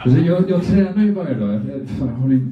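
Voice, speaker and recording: On a comedy club stage, a middle-aged Swedish comic runs through a crude, meandering routine that pokes fun at himself, talking from one side of his mouth. His voice is fairly high and lively in intonation, with a crowd audible behind him. An audience member's phone camera recorded it, leaving the sound echoey, distant, and muffled.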